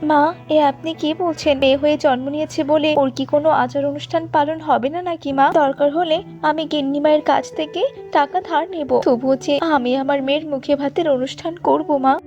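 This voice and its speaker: A woman voicing a poor young mother and maid in a cartoon, gentle and pleading. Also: high-pitched, fairly even intonation, fairly quick, muffled recording, soft background music. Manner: pleading, tearful. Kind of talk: cartoon voice acting.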